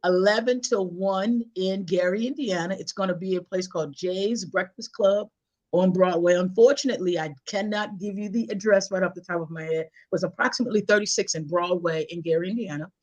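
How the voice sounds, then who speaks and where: A woman's voice: lowish voice, a little fast, muffled recording. A woman author as a guest in a casual interview, telling stories in a chatty, conversational way. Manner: chatty, conversational, animated storyteller.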